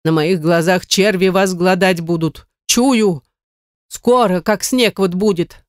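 A woman's voice: on the low side, slow, dry recording, studio quality. A reader voicing an old grandmother who shrilly curses and accuses a neighbour in an audiobook. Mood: bitter accusing. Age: older. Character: old grandmother, bitter, cursing, superstitious.

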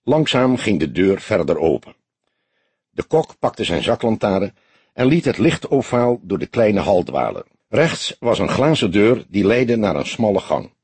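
A husky man with a low voice reading a detective story aloud, his pitch moving a lot. Dry, close sound with no room in it. Calm, measured storytelling. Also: no echo. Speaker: audiobook narrator. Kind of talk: scripted narration.

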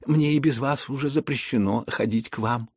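A man voicing a meek, gentle young prince in an audiobook, who talks softly and hesitantly, with a husky voice. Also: medium pitch, normal speed, dry recording, studio quality, voice pushed up. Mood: earnest. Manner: soft, hesitant and earnest. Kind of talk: audiobook character reading.

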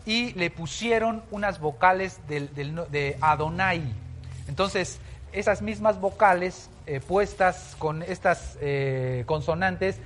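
A man's voice: a little high, a bit bright, a little hiss or hum. A man giving a Bible teaching, explaining at length with many fillers and restarts.

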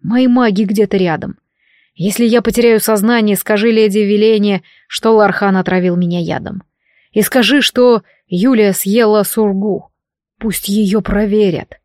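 A woman's voice: medium pitch, fairly even intonation, unhurried, darkish tone, dry recording, studio quality, lightly acted. A woman voicing a stern, wounded dragon emperor who growls his commands. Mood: urgent.

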